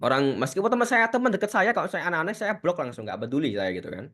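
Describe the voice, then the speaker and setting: Young male webinar speaker, slangy motivational style, animated voice, heard over a video call. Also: fairly high pitch, fast. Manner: casual, slangy and emphatic.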